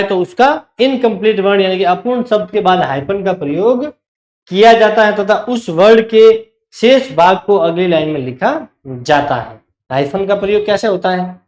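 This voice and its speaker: A man's voice: sits high, roomy sound. A male teacher giving an online class, explaining step by step and checking that students follow.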